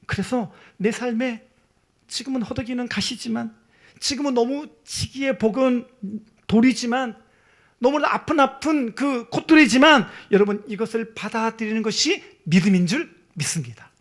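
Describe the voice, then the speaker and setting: A man preaching as pastor, swinging from hushed whispers to loud, pleading cries. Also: very high voice, normal speed. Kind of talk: sermon.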